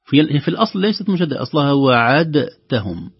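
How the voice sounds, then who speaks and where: A man teaching Quran recitation on the radio, explaining points and then reciting the examples slowly and with long, drawn-out sounds. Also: mid-range voice, slightly rough, dry recording. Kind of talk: recitation lesson. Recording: lo-fi radio broadcast.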